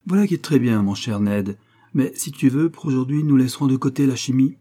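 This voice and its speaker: Old inventor dad, man doing the voice, bossy and heated, husky, kinda dark audiobook read. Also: mid-range voice, fairly quick, voice pushed up, natural voice. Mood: coaxing. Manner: commanding, heated. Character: domineering old male inventor, quick-tempered father. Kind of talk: audiobook character reading.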